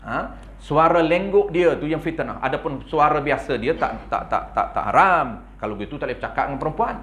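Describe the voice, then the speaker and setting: A man with a Malaysian Malay accent giving a religious lecture in a prayer hall, animated and playful, often tagging his points with a questioning "ha?". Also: fairly high pitch, fairly quick. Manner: playful, acts out little scenes. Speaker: religious teacher.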